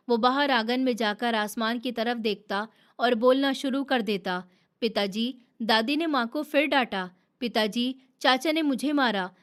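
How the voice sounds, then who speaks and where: A woman telling a sad family story in the first person, in a soft, emotional storytelling manner. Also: fairly high pitch. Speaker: narrator.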